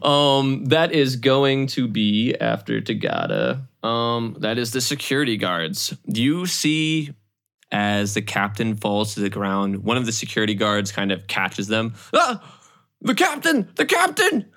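A game master narrating a tabletop game in a casual, quick way with many fillers. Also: mid-range voice, animated, a bit bright.

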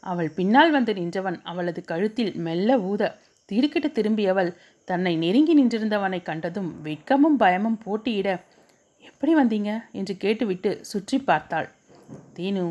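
A woman narrating a romance novel in a steady storytelling way. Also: mid-range voice. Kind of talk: audiobook narration.

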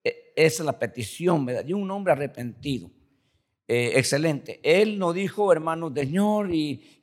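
A man's voice: medium pitch, a little mellow. Older man preaching a conversational sermon. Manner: conversational preaching, many repeats and tag questions; addresses the congregation as brothers throughout. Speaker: pastor.

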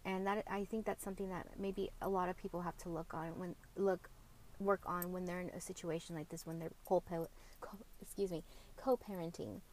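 Speaking with a steady, darkish, fairly low voice, this podcast host opens up about co-parenting, often pausing to correct herself and using plenty of fillers. She's of Mexican heritage and spoke Spanish at home growing up, and there's a faint hiss or hum in the audio.

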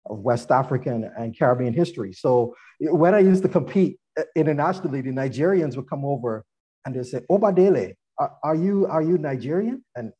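On a podcast, a man who was once an athlete and later an attorney tells heartfelt stories of growing up, breaking into occasional laughter. He sounds husky and warm, with a medium pitch, expressive delivery and brisk pace.

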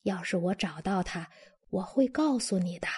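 A woman reading a storybook, voicing a worried tiger parent who talks in a hushed near-whisper. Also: medium pitch, lively intonation, normal speed, breathy edge.

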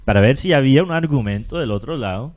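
A man's voice: medium pitch, expressive, fast, a little mellow. Argumentative costeño man, rhetorical questions. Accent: Colombian Caribbean coast. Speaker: podcast co-host. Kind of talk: casual opinion chat.

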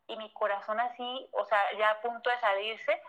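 A fairly high-voiced woman with a Mexican Spanish accent tells a heartfelt story of her own past, full of feeling and quick asides. She acts out the conversations she recalls. The recording sounds dull and lo-fi. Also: fairly even intonation. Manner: emotional, vivid retelling that acts out past conversations, frequent "o sea" fillers. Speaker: guest, former model.

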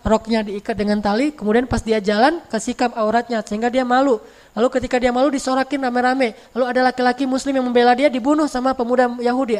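A woman preacher retelling stories in a lively, conversational sermon, with frequent restarts. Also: on the high side. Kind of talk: sermon storytelling.

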